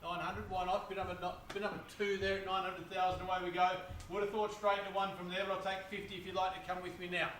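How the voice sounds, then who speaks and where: A man's voice: sits high, flat delivery, fast, few pauses, fairly bright tone. An Australian man calling a live property auction as auctioneer, coaxing bidders with chatty patter. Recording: echoey, distant, noisy live recording.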